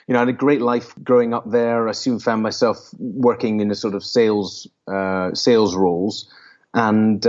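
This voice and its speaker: A Scottish man with a fairly low voice talks as a guest in an interview. His Scottish accent carries a conversational, storytelling delivery. The sound is slightly dulled and lo-fi. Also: a little mellow. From island off the west coast of Scotland. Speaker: podcast guest, entrepreneur and broker.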